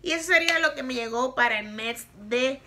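A Puerto Rican makeup vlogger in her thirties reviews products casually in a small bedroom, being frank and laughing often. Her Puerto Rican accent comes through in a high-pitched, brisk, sharp voice.

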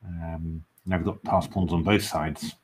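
Commentating live on online chess, an Englishman bursts into excited cheers, then muses through his thoughts with lots of fillers. He speaks in a low, unhurried voice, with background noise audible.

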